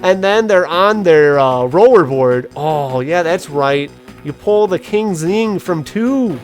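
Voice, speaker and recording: Over game music, a medium-pitched host of a gaming video chats casually about the play while wandering through personal anecdotes. The storytelling is halting and rambling, dotted with quoted asides.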